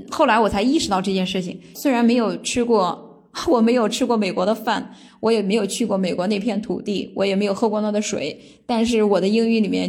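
Chinese woman chatting in a loose, rambling way. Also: medium pitch. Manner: relaxed and rambling, with frequent thinking pauses. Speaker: vlogger. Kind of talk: casual storytelling monologue.

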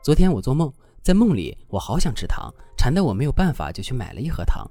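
A man's voice: medium pitch, sing-song, fast, mellow, no room sound, faint music behind, pitched above the performer's own voice. A man voicing a coy young woman who sulks, whines and pleads with her boyfriend. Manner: whiny, wheedling, pouty.

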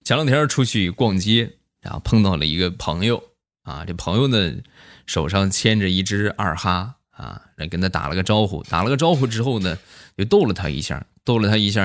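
Male stand-up storyteller, low voice animated swings, chatty asides. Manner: chatty, frequent tag questions and filler "啊". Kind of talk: comic monologue of short anecdotes.

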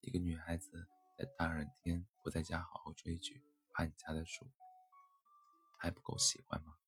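A man's voice: sits low, monotone, normal speed, faint music behind. A man voicing a kind, teasing young girl fox in a storybook tale, playful and caring.

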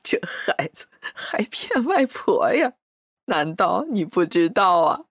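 A woman voicing an elderly grandmother in an audio drama, tender and worried, talking slowly with heavy sighs. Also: lowish voice, sing-song, no echo, studio quality, exaggerated voice. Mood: coaxing. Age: older. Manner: slow, coaxing, sighing.

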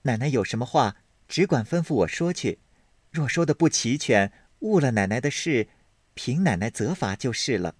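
A man voicing a quick, clever young maidservant, eager and deferential in a storybook reading. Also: mid-range voice, lively intonation, husky, dry recording, clean studio sound, voice pushed up.

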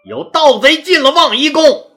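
A woman's voice: sits high, normal speed, soft background music, pitched above the performer's own voice. A woman doing a brash, barking male official. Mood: furious. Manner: loud, barking, scolding.

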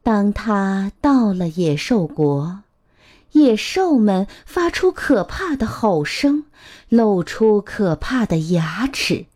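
A woman storyteller reading a picture book aloud to children, gentle and expressive. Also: mid-range voice. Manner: gentle, expressive, drawn-out phrasing.

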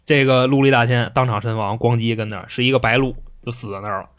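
A man retelling a classic tale in casual chat, lively and full of sound effects. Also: mid-range voice, quick pace. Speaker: podcast storyteller.

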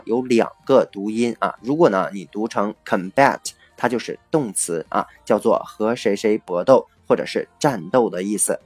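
A man explaining English vocabulary in a lesson, spelling words out letter by letter and often adding a drawn-out "啊" to his phrases. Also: fairly low pitch, dry recording.

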